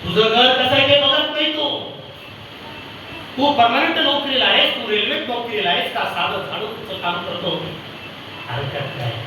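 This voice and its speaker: A man's voice: extremely high pitch, normal speed, long pauses, pushed and bright, far from the mic, slight background noise. A male preacher giving a sermon over a PA system, repeating his phrases and asking the congregation questions. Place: church hall. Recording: echoey hall PA sound from afar.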